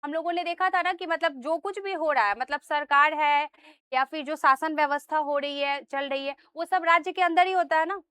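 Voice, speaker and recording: A woman's voice: very high voice, bright, forceful tone, no echo. A woman teacher giving a classroom lecture, explaining step by step, asking the students questions and often checking in with them. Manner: asks students questions and answers them herself.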